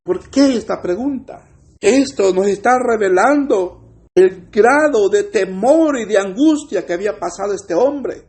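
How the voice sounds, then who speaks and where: High-voiced Salvadoran preacher man. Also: expressive, measured pace, darkish tone. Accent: Salvadoran Spanish. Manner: earnest, addresses listeners as brothers, acts out biblical speech. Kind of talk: sermon.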